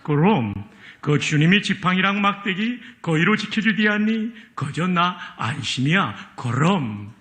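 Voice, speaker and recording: A pastor reading a psalm in a put-on Pyongan dialect, slowly and chuckling. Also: male voice, sits high, expressive, fairly bright tone, a little hiss or hum, voice pushed up. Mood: amused. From Chungcheong, Korea. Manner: slow, chuckling delivery.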